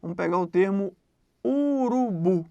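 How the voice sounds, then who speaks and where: A woman teaching an exam-prep grammar lesson in a conversational way, often checking in with quick questions. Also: medium pitch, lively intonation, darkish tone, lo-fi sound.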